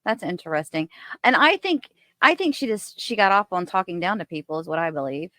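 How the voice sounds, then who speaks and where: A woman's voice: lowish voice, expressive, brisk, fairly bright tone, no echo. Woman hosting a livestream, asks stuff straight out, dry close sound. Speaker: livestream host. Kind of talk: casual interview questions.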